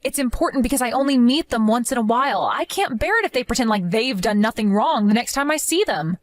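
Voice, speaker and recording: A hurt young wife lays out her grievances in a chat-story drama, as a woman acts her out. She speaks in a somewhat high voice with wide, lively pitch swings. The recording is dry and close-miked. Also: fast talker, dry recording, natural voice. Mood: aggrieved. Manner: aggrieved, complaining.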